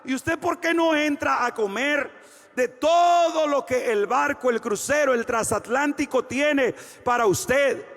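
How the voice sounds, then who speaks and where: A man's voice: extremely high pitch, unhurried, fairly bright tone, big-room sound, voice pushed up, full character voice. A man preaching and voicing a friendly, curious male passenger in a story.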